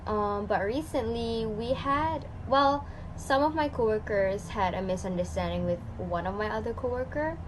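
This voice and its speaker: A woman in her twenties, a student guest, speaking calmly. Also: a little high, normal speed. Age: 20s. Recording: noisy background.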